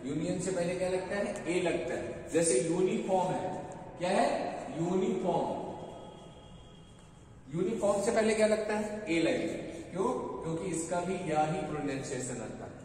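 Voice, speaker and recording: Indian guy teaching grammar, asks and answers his own questions, highish voice, far off in a boomy room. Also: darkish tone. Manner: repeats questions and answers them, drills slowly. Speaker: English teacher. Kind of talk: classroom grammar lesson. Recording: echoey hall, from far off, faint noise.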